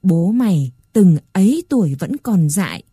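A woman voicing a stern, wise old grandmother with a soft, weary manner. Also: on the low side, big pitch swings, measured pace, breathy edge, dry recording, clean studio sound, heavily acted.

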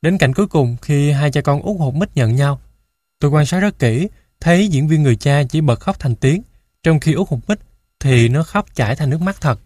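Steady male storybook narrator, dry sound. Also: a little high, dry recording. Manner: steady, measured reading. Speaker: audiobook narrator. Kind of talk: first-person story narration.

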